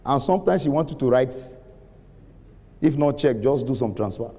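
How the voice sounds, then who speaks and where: A middle-aged man preaching a sermon, using call-and-response, laughing often and rising to shouts. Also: mid-range voice, expressive, moderate pace. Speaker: pastor. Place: large church hall with congregation. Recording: reverberant hall, faint room ambience.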